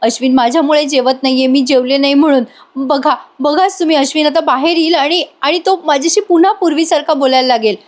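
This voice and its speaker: A woman's voice: fast talker, hardly any pauses, close to an everyday voice. A woman reading as a defiant insistent young schemer. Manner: insistent, shrill, self-assured.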